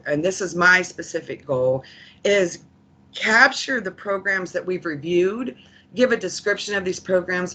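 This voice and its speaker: Presenting to a committee, a corrections program official delivers her report earnestly, with a reflective, emphatic manner and repeated phrases for stress. Her voice is medium in pitch and a little bright.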